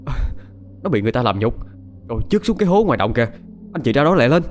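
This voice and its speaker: A man voicing a panicked villager who shouts out bad news and stumbles over his words. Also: medium pitch, very animated, very fast, a little hiss or hum, pitched above the performer's own voice, close to an everyday voice. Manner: frantic, breathless, stammering.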